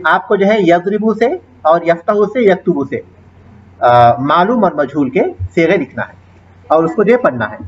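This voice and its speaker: A man's voice: on the high side, expressive, highs cut off. A man teaching an Arabic grammar class online, patiently explaining and reciting verb forms with their translations.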